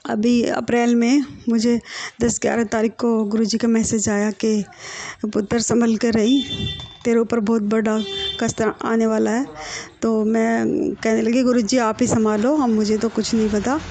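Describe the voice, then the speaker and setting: A woman from India calmly telling a devotional story of thanks to her guru. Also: on the high side, measured pace. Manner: earnest, plain storytelling. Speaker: devotee sharing testimony. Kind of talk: devotional testimony.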